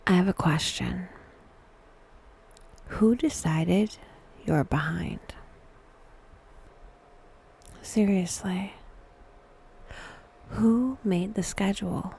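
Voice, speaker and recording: Here the same kind of scripted guided meditation is read by a woman with a mid-range voice. She keeps it hushed, breathy and often close to a whisper, with a dry, wry edge.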